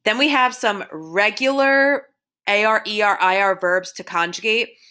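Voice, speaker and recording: A woman's voice: mid-range voice, unhurried, pushed and bright, smooth. A woman teaching Spanish over a recorded slideshow, steadily drilling verb forms one by one.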